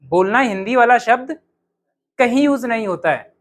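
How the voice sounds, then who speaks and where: A man teaching English to a class, calling out phrases loudly for students to repeat in a drill. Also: extremely high pitch, expressive, normal speed. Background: students' voices.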